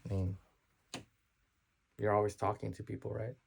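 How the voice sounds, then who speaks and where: A man's voice: on the low side, flat delivery, normal speed, creaky, a little hiss or hum. A man talking unscripted to camera as a vlogger, hesitant and self-conscious, with many restarts and slurred words. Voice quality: slurs his words.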